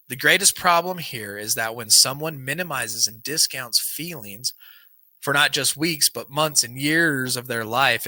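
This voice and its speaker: In a small home studio with a banner as backdrop, a man hosting a podcast reads from a book before moving into casual, earnest chat on a large studio mic mounted on a boom arm. Losing his voice to a dry throat, he sounds worn, with a mid-range, sharp-toned voice in a dry recording.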